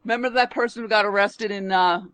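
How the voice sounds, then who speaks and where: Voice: mid-range voice, steady tone, fast talker, fairly bright tone, dry recording, poor audio. A co-host on a talk radio show, bantering casually and teasing in a gossipy way.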